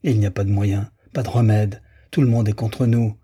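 A man's voice: lowish voice, steady tone, fairly quick, mellow, slightly rough. A man voicing a distraught, earnest young male idealist who pleads in a plaintive, doleful way. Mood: despairing.

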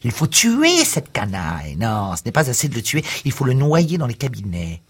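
A man voicing an enraged, bitter male asylum inmate who shouts and spits contempt in a read-aloud story. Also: medium pitch, huge pitch swings, moderate pace, slightly rough, voice pushed up, full character voice. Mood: furious.

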